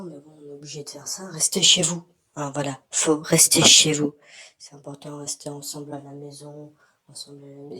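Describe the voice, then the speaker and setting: A male YouTuber rambles frankly and hesitantly to his community from his bathroom in a casual vlog, using an altering filter to disguise his voice. It sounds on the high side, bright and forceful.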